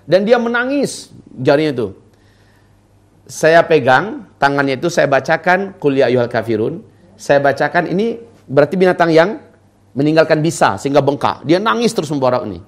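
A middle-aged Islamic preacher delivers an informal religious lecture in a voice on the high side. He takes questions from the audience and frequently addresses the women present directly.

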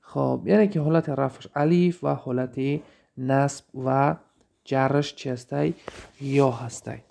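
A man with a Tajik Persian accent and a mid-range, creaky, mellow voice teaches Arabic grammar. He explains step by step, asks questions to check understanding and reads example sentences slowly.

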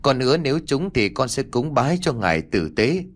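A man's voice: medium pitch, sing-song, a little fast. A man voicing a frightened young man who pleads humbly and stammers. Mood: pleading.

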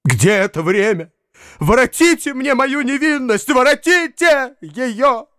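A man's voice: extremely high pitch, lively intonation, unhurried, bright, forceful tone, no room sound, clean studio sound, pitched above the performer's own voice, heavily acted. A man voicing a self-pitying male hanger-on who wails and declaims hysterically in a read-aloud story. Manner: wailing, declamatory.

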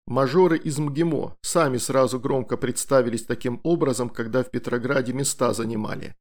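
Male audiobook narrator, mid-pitched and measured. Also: steady tone. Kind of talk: scripted first-person novel narration.

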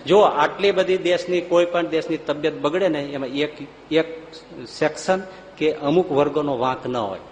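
Man giving a sermon, animated anecdotal storytelling, fairly high voice, long hall reverb, faint background noise. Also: normal speed. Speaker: spiritual discourse speaker.

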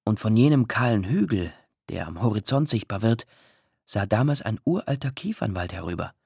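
A man reading a literary story aloud, expressive and emotional, with drawn-out pauses. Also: on the low side, creaky, husky, no echo, clean studio sound. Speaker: audiobook narrator. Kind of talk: scripted literary narration.

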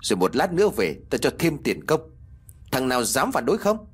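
A man voicing a cruel, greedy old village lord who shouts harshly. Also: medium pitch, sing-song, a little fast, breathy edge. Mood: threatening.

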